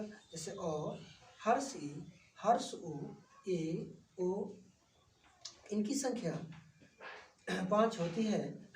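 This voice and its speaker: A man teaching a lesson, slowly repeating and listing items one by one in a classroom with a board. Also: sits high, mellow, slight background noise. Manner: slow, repetitive, lists items one by one. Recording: echoey room from a distance.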